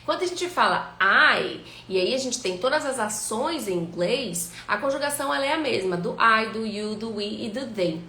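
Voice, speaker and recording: Woman, English teacher, live online lesson, fairly high voice, lively, echoey room. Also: moderate pace, few pauses. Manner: lively, greets viewers by name, stretches out English examples.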